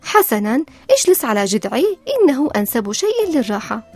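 Woman doing a tender, generous apple tree, storybook voice, husky tone, lively pitch, soft music below. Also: fairly quick, full character voice. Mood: weary. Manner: kind and tender. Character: gentle, generous old female apple tree. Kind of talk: storybook narration.

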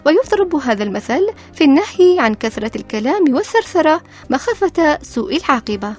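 A woman's voice: high-pitched, big pitch swings, a little fast. A woman presenter narrating a moral story and explaining its lessons in a scripted, reflective teaching tone. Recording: soft background music.

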